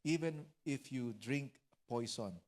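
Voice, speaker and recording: A man's voice: mid-range voice, slow. A man with a Filipino accent preaching a sermon as pastor, mixing teaching with humorous stories and joking asides.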